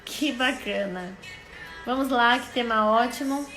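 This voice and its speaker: A woman with a Brazilian accent, a clinical psychologist, hosts a casual live stream chat, chatty and warmly greeting viewers by name as they join. Her voice is fairly high and fairly bright, a little slow, and the low-quality recording is reverberant with faint music behind her.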